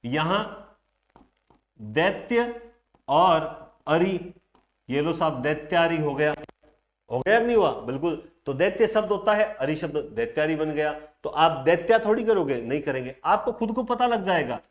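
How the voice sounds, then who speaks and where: A man's voice: on the high side, lively intonation, a little slow. A man teaching a grammar class online, explaining step by step and answering his own questions aloud.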